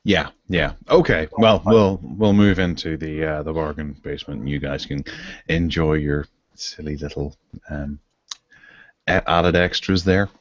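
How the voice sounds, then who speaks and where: A man with a very low, deep voice hosts a laid-back tech podcast. He talks over a video call, so the sound is dry and a little dull. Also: unhurried, dry recording. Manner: relaxed, chatty, leads the segments. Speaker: podcast host. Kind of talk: casual tech chat. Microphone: online video call.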